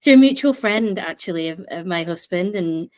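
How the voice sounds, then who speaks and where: A woman's voice: lowish voice, animated, moderate pace, darkish tone. A woman hosting an interview podcast, chatty and enthusiastic as she introduces her guest. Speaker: podcast host.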